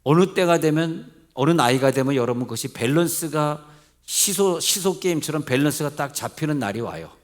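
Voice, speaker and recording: A man's voice: a little high, lively intonation, moderate pace. Man preaching, questioning and joking. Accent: Seoul Korean. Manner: conversational preaching, asks the congregation questions; mixes polite and plain speech, jokes lightly. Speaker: pastor. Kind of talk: sermon at a midweek service. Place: church sanctuary.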